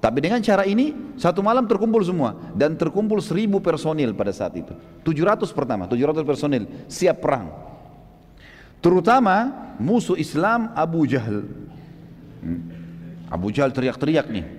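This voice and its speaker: A man preaching a sermon, telling a story in a lively way and acting out the shouts of the people in it. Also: a little high, normal speed, in a large hall. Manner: animated storytelling, acts out shouts in quoted lines. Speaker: Islamic preacher.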